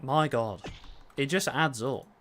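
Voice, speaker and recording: Speaking slowly in a medium-pitched, slightly bright voice, this southern-accented man makes casual, self-deprecating chatter while livestreaming a game. He is a game streamer and YouTuber, and there's slight background noise.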